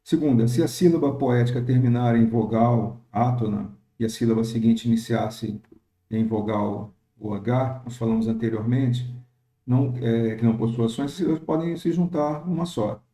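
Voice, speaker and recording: Male teacher, very dark mellow tone, patient and halting delivery, roomy echo. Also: medium pitch. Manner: explanatory, frequent pauses and fillers, reads verse examples slowly. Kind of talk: recorded lecture on poetic meter.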